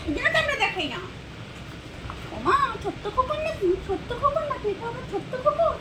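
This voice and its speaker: A woman's voice: very high-pitched, very animated, brisk, very noisy. A woman at home talking baby talk to her pet cat, cooing and repeating words. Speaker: pet owner.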